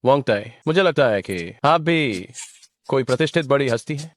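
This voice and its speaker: A man's voice: mid-range voice, lively intonation, normal speed, a little hiss or hum, lightly acted. An actor dubbing a cold, scornful young man who has just come into money, speaking in a cutting way over faint music. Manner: contemptuous, cutting. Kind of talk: dubbed drama dialogue.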